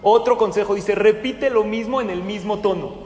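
A man giving a lively parenting lecture to a live class, acting out parents and children. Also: sits high, moderate pace. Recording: echoey hall with faint noise.

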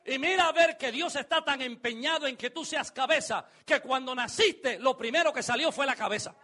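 A man preaching a dramatic sermon, acting out scenes and building to shouts. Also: very high-pitched, moderate pace.

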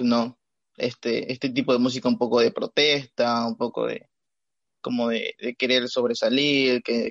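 A man's voice: mid-range voice, dry recording. A man in a casual podcast chat, hesitant and thinking aloud, with many fillers. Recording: dry, slightly dull lo-fi sound.

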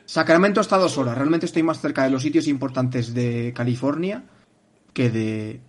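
A young man speaks over a video call from a room in a shared apartment. He is blunt and profane, rambling casually through quick asides. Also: mid-range voice. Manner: blunt, swears freely, rapid rambling asides. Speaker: guest calling in from abroad. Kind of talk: casual live chat.

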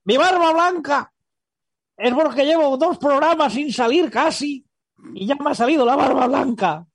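A squeaky bearded puppet, manic. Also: male voice, moderate pace, gravelly, no echo. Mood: mock grief. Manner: shrieks and shouts in bursts, goofy. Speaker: puppet co-host. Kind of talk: comedy puppet banter.

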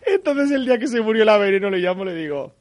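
Lively young man, dry studio. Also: sits high, quick pace, no echo. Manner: animated storyteller, laughs often. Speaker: guest singer. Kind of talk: casual radio chat.

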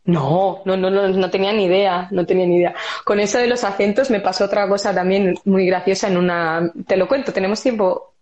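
Woman, 30s, stage actress; warm, animated anecdote-teller who laughs a lot and slips into quoted voices; mid-range pitch. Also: a little fast, muffled recording. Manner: lively storyteller, laughs often, acts out dialogue. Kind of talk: casual interview chat.

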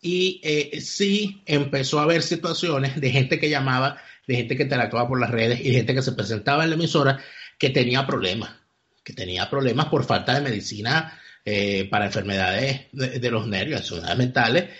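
A man's voice: medium pitch, normal speed, dull audio. A man, a radio broadcaster telling a personal anecdote and acting out the voices as he goes. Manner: animated storyteller acting out the voices.

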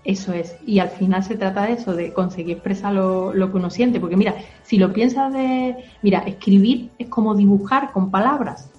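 With a mid-pitched voice, a woman reassures a child and gently explains things using simple comparisons, keeping a moderate pace with few pauses. Soft music lingers faintly behind a slightly dull recording.

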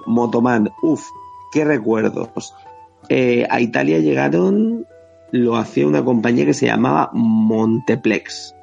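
Reading listener comments aloud in a relaxed chat, this Spanish-accented man from Spain hosts a podcast. He has a medium-pitched, darkish voice with vocal fry. A faint music bed plays under dull, lo-fi audio.

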